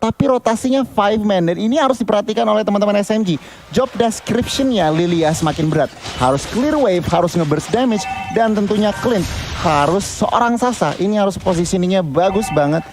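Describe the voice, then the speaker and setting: High-voiced male esports analyst over music. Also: animated, brisk, darkish tone. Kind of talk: analytical game commentary.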